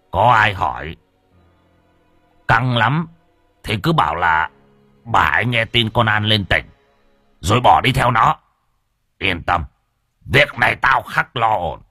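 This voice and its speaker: A man's voice: fairly low pitch, sing-song, measured pace, long pauses, sharp tone, slightly rough, no echo, faint music behind, exaggerated voice. A man voicing a cruel, arrogant village landlord who gives orders in a domineering, gloating way. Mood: commanding.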